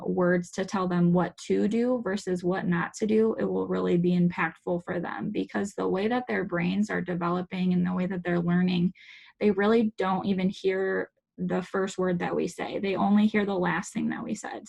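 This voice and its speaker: A woman giving a calm, instructive talk to parents in a virtual workshop, modeling warm phrases to use with children, heard over a video call. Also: medium pitch, creaky. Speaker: parenting educator.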